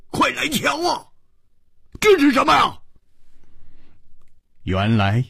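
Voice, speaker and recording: A man telling a traditional storybook tale in the manner of a radio storytelling broadcast, with an expressive delivery. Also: a little high, husky, dry recording, studio quality.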